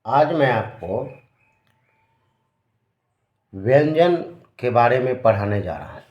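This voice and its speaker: A man teaching grammar at a board, speaking slowly and patiently and answering his own questions as he goes. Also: medium pitch, lively intonation. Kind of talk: classroom-style lesson at a board. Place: room with a board. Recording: roomy, dull lo-fi sound.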